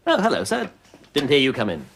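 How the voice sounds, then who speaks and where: A dry, sarcastic army captain. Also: male voice, medium pitch, huge pitch swings, a little fast, gravelly. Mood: sardonic. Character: sardonic, weary male army captain. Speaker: captain in a TV comedy. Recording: TV clip played back with heavy background noise.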